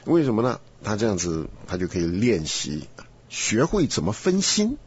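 A man hosting a casual Bible study chat, animated and rambling with frequent laughs. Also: on the low side, normal speed, breathy edge. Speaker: host. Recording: dull lo-fi recording.

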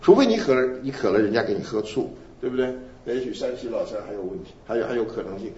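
A man preaching a sermon, animated, asking his listeners questions and answering them himself. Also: medium pitch, quick pace, slight background noise. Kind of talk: sermon teaching. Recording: roomy, dull lo-fi recording.

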